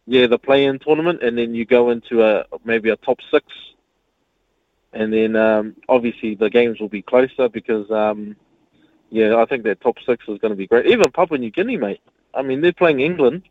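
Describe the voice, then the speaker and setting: A man's voice: mid-range voice, moderate pace, no echo. A man calling in to a radio show over the phone, chatting freely and calling the host mate. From New Zealand. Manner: chatty, says mate often. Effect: heard over the phone line. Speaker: radio caller. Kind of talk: casual call-in chat. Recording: tinny phone line on radio.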